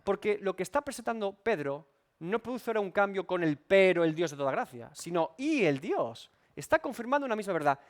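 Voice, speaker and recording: Emphatic high-voiced pastor. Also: male voice, very animated, fairly quick. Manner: emphatic, repeats and rephrases points, asks rhetorical questions. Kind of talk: expository Bible study sermon.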